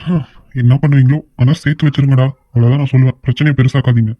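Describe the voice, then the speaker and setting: A man voicing a worried older uncle in a cartoon, talking fast and pleading. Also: mid-range voice, fairly even intonation, dry recording, muffled recording, natural voice. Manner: fretful, pleading, quick talk. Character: worried older uncle, anxious family elder. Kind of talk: cartoon voice acting.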